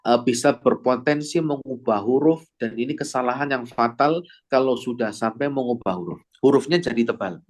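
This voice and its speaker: A man teaching Quran recitation to a class, asking questions and demonstrating sounds in slow, drawn-out recitation. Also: medium pitch. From Indonesia. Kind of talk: classroom lesson with audience replies.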